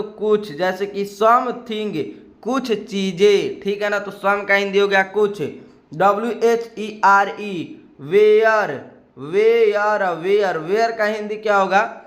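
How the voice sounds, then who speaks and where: A man with an Indian accent teaching English vocabulary in Hindi, spelling each word letter by letter and repeating it slowly. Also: sits high, steady tone, a bit bright. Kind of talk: spoken English lesson.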